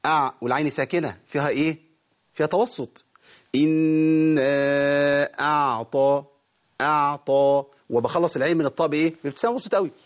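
A man with an Egyptian Arabic accent teaching Quran recitation rules, explaining quickly and then drawing words out slowly to demonstrate. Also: on the high side, expressive. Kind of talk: live call-in tajweed lesson.

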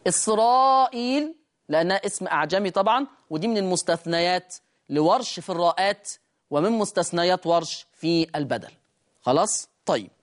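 Egyptian accent, recitation teacher, classroom lesson, rhetorical questions, slow chanted quotes. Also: mid-range voice, expressive. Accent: Egyptian Arabic. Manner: asks the class rhetorical questions and answers them; chants quoted verse lines slowly.

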